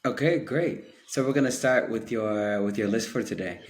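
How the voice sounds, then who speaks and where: A man's voice: on the low side, normal speed. Male host, interviewer, brief and to the point. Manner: brief, moves the talk along. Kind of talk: scripted interview questions.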